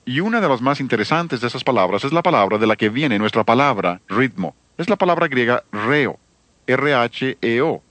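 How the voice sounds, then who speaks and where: A man's voice: mid-range voice, fairly bright tone, no echo. A man giving an emphatic sermon-style seminar talk on church music, addressing listeners with rhetorical questions.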